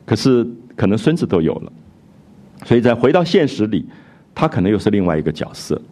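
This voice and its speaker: A man giving a reflective, expressive lecture on a classic novel, retelling scenes and explaining them. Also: fairly low pitch, a little fast. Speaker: literature lecturer.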